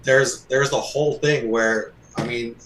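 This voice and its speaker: A man's voice: mid-range voice, steady tone, a little slow, fairly bright tone. A man from Turkey, a podcast panelist, making his point in a casual debate and insisting on finishing it. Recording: roomy sound with faint noise.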